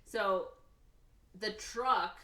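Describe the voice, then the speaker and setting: A woman hosting a podcast and recapping a movie in casual chat. She tells it with animation, says "like" a lot and slips into quick acted quotes. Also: mid-range voice, pushed and bright. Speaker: podcast host. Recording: roomy, from a distance off the mic.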